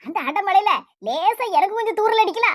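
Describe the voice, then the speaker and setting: Sly gossipy kanyakumari village mom, woman doing it, super high voice, rattles on fast. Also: dry recording, clean studio sound. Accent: Kanyakumari Tamil. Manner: chatty, mocking, gossipy.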